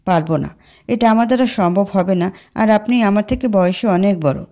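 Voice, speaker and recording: A woman's voice: mid-range voice, moderate pace, lightly acted. A woman as Nandita, a shy flustered young woman. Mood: soft. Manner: soft, formal.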